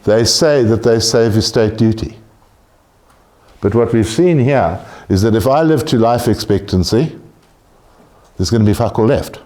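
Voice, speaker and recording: Blunt joking tax lecturer. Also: male voice, lowish voice, lively intonation, a little slow, mellow. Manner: blunt, joking, swears casually. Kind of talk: informal lecture to a class.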